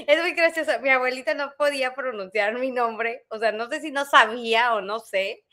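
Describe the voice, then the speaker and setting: An animated woman tells a family anecdote on a podcast, her voice sitting a little high. She laughs often and slips into mimicking other people mid-story. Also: moderate pace. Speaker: podcast co-host. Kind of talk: casual storytelling chat.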